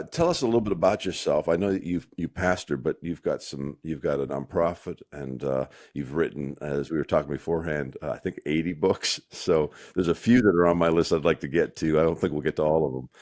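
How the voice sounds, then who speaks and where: Very deep-voiced hesitant male host. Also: a little fast, a little mellow, no room sound. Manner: friendly, hesitant, many fillers. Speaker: podcast host. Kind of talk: interview conversation.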